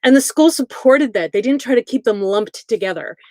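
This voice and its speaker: A woman's voice: fairly high pitch, lively intonation, moderate pace, a little mellow. A middle-aged woman from Wisconsin with a Midwestern accent, introducing herself in a friendly, chatty way as a school board candidate. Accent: Midwestern American. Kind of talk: casual self-introduction.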